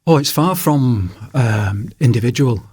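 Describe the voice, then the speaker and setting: An older Englishman with a Manchester accent is being interviewed in a radio studio as a guest author. His mid-pitched, slightly breathy voice sounds dry and close with no room echo, and he speaks in a relaxed, rambling way, often pausing on fillers.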